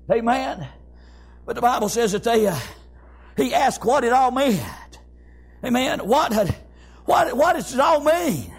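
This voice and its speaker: Preaching an impassioned revivalist sermon, a man with a Southern US accent exclaims praise and often shouts. His voice is extremely high-pitched, and he speaks in stop-and-go phrases full of repeated interjections.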